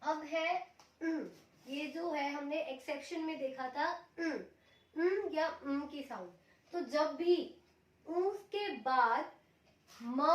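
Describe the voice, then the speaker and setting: A high-voiced woman gives a language lesson, walking through each rule patiently and repeating every example. She sits some way from the mic in a room with a clear echo. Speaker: Japanese language teacher. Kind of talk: explaining a lesson step by step. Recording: echoey room, mic at a distance.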